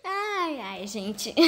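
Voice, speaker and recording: A woman giving a chatty, excitable tour of her game house, often calling her viewers "gente". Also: high voice. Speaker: gaming vlogger. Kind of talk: casual game tour narration.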